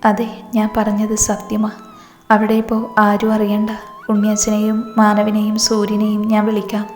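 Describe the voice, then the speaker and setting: A grief-stricken young man speaks of his grandfather's death in a storybook tale, as a woman narrator reads him. His tone stays even and low-key. The voice rings in a reverberant space over soft music. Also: moderate pace, natural voice. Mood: grieving. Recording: echoey reverberant room, faint music.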